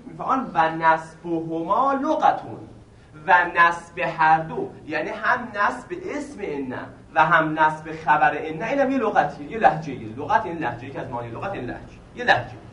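A man's voice: a little high, expressive, few pauses, sharp tone. A man teaching a seminary grammar lesson in a classroom. He repeats each point patiently, poses questions to the class and answers them himself. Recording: echoey room, mic at a distance, faint noise.

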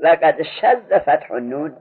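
A man with a slightly high, husky voice teaches an Arabic grammar lesson. He drills his student patiently, asking the same questions again and again. The recording sounds muffled and lo-fi. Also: sing-song.

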